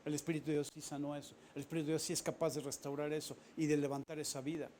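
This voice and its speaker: Male pastor, sermon, high voice, animated storytelling, chatty asides, faint noise behind. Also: very fast.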